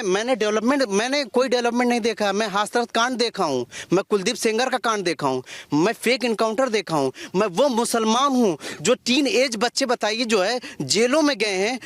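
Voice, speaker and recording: A man's voice: high-pitched, expressive, moderate pace, few pauses, a bit bright, no echo. A young man answering a street interview in a heated, impassioned way, often repeating himself.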